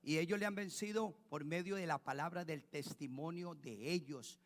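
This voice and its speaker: Male pastor, slightly higher voice, sermon in a church with long hall echo, repetitive rhetorical preaching. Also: moderate pace.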